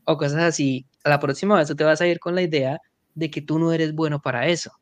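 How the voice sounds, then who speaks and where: Fairly high-voiced male podcast host. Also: steady tone, fairly quick, no room sound. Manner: conversational, agreeing and adding childhood anecdotes. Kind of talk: podcast interview conversation.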